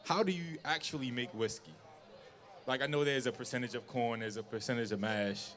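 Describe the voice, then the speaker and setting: A man's voice: medium pitch, brisk, a bit bright. Man hosting a casual chat. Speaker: talk show host.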